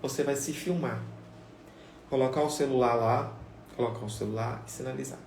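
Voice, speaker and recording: This man's gravelly, darkish voice sits at a medium pitch, with fairly even intonation and a moderate pace. As a sign language teacher on a casual live stream, he talks straight to viewers in a conversational way and keeps repeating his points. The room is echoey, he's far from the mic, and there's faint ambience plus slight background noise.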